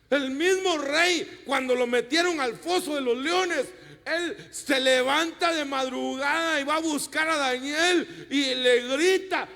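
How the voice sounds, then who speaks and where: High-voiced man preaching in a reverberant hall. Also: vocal fry, sharp tone. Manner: emphatic preaching, addressing the congregation with rhetorical questions. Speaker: pastor. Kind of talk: sermon. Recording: long reverb of a church hall.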